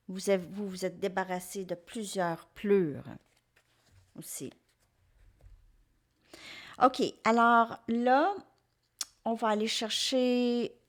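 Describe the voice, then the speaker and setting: A woman with a Québécois French accent gives a tarot reading to her viewers at an unhurried, slow pace. She often hesitates and restarts her sentences, filling the gaps with small fillers. Her voice sits at an ordinary middle pitch. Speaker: tarot reader.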